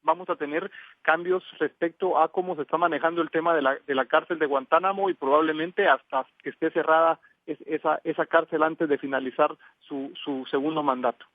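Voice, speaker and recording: A man speaking as a security expert in a TV news interview, heard over a tinny, dry phone line. His voice is somewhat high for a man, and his measured answers are broken by fillers. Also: fairly even intonation, no echo.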